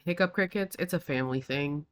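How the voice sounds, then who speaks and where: A man's voice: fairly high pitch, brisk, a bit bright, clean tone. Chatty man telling a family story. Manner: chatty storyteller, swears casually. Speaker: co-op gaming partner. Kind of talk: casual gameplay chat.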